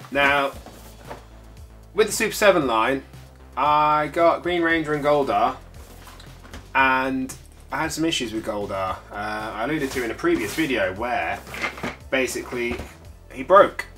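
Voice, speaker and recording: A toy collector channel host, his mid-range voice stuffy and bunged-up from a cold, chats casually while unboxing a collectible. He's expressive and a little slow, pausing often and rambling with plenty of filler sounds as music plays in the background.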